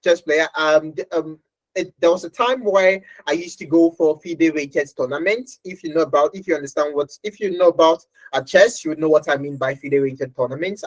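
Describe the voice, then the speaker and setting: A woman's voice: low-pitched, no room sound, low-quality recording. A woman teaching a live online training session from her home workstation, chatty and often laughing as she checks in with her class.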